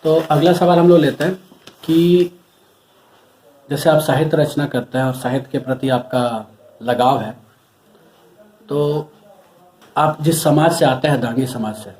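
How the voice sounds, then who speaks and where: A man's voice: on the high side, measured pace, pauses often, a little mellow, echoey room. A man interviewing, asking polite, prompting questions.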